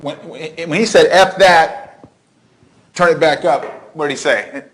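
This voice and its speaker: A man's voice: fairly high pitch, unhurried, fairly bright tone. A man questioning a witness as a prosecutor in a formal, methodical way, in a courtroom recording.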